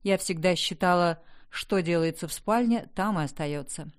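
A woman's voice: on the low side, moderate pace. A woman reading a first-person audiobook in a wry, conversational storytelling manner. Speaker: audiobook narrator. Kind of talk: scripted first-person narration.

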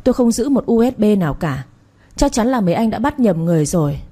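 A woman's voice: big pitch swings, warm tone. A woman voicing a frightened young woman who pleads tearfully with her captors, in a read-aloud story. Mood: pleading. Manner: tearful, begging, quick and high.

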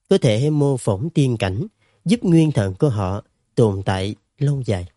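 A man narrating a fantasy story in an expressive, dramatic reading. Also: mid-range voice, dry recording, studio quality. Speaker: audiobook narrator.

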